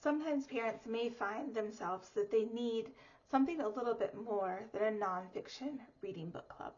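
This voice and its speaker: A woman teacher talks parents through her reading classes in an upbeat, explanatory way. Her voice sits a little high. The recording is a bit muffled and lo-fi. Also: normal speed. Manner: upbeat, clear and explanatory, with lively emphasis. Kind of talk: informational presentation to parents. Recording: slightly dull lo-fi audio.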